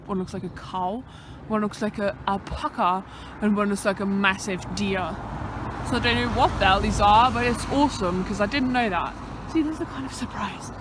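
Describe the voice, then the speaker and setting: Cars go by as a young woman walks a country road along a fenced field, chatting to herself for a vlog, a little out of breath and cursing mildly. She has a mid-range voice, and there's background noise.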